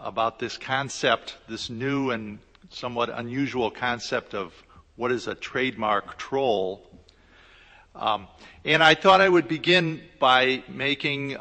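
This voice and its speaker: A man, a law lecturer, giving a conference presentation in a hesitant, explanatory way with frequent pauses. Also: medium pitch, bright, forceful tone. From United States. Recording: echoey hall with long reverb.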